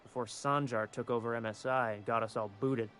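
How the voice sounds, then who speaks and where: A man's voice: mid-range voice, steady tone, fairly quick, a bit bright, a little hiss or hum, natural voice. A man voicing a melancholy, nostalgic townsman in a video game, grumbling in formal, theatrical phrases. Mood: melancholy, bitter. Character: gloomy, nostalgic townsman grumbling about his lot. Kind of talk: video game dialogue acting.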